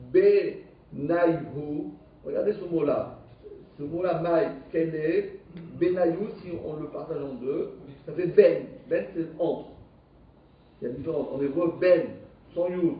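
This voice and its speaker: A man who teaches a live Talmud class, lively and questioning, explaining the text step by step. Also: on the high side. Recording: distant echoey dull live stream.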